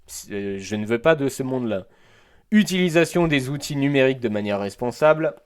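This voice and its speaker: A man's voice: medium pitch, animated, fairly quick, smooth. Male teacher-host, mid-range voice, reads his notes with hesitant asides. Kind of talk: solo educational podcast monologue.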